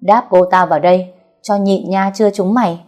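Woman doing a shrill, spiteful concubine. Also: fairly even intonation, moderate pace, a little mellow, faint music behind, lightly acted. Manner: shrill, scolding, threatening. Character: spiteful, domineering middle-aged concubine.

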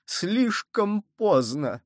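A man voicing a cowardly, panicky male cardinal with a shrill, pleading manner. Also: big pitch swings, slow, vocal fry, darkish tone, no room sound, clean studio sound, heavily acted. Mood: panicked.

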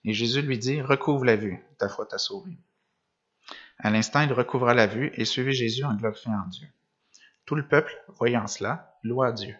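In a dull, lo-fi recording from a church or meeting room with a screen behind him, a man preaches at a moderate pace. His voice is mid-range and a bit bright. He alternates between reading gospel passages and commenting on them, using rhetorical questions and sometimes restarting.

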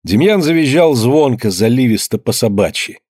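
A man narrating an audiobook in a measured, grave storytelling manner. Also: mid-range voice, animated, a little mellow, slightly rough, dry recording, studio quality. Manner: measured, grave storytelling, slowing at somber moments.

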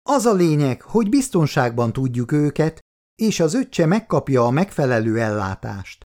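A man reading an audiobook, voicing an elegant, proud older grandmother who talks in a brisk, composed way. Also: sits low, sing-song, mellow, voice pushed up. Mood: wry.

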